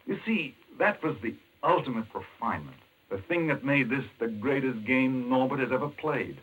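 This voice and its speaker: In a muffled 1940s American radio mystery, a male actor with an animated, mid-range voice and a breathy edge plays an intense, urgent doctor. This obsessed, chess-playing doctor explains a madman's scheme emphatically at a moderate pace, sounding fascinated and grave.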